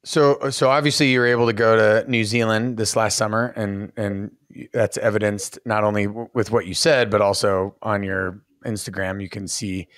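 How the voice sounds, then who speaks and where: Low-voiced male podcast host, dry sound. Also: fairly even intonation, moderate pace, few pauses, a bit bright, no room sound. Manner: long rambling questions with fillers. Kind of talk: casual interview. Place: home room with bookshelf. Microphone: podcast mic on boom arm, headphones.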